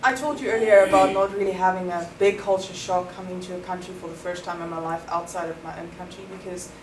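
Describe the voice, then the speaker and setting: Fast and steady in tone, a young South African woman with a lowish voice answers interview questions thoughtfully, her speech dotted with ums; Afrikaans is her mother tongue. It's a noisy recording from an echoey room with the microphone at a distance.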